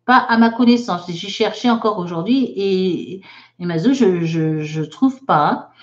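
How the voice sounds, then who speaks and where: A woman's voice: mid-range voice, lo-fi sound. A woman, teaching a live online English lesson, reading out viewers' chat sentences and patiently correcting them. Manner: slow, careful, patient explaining.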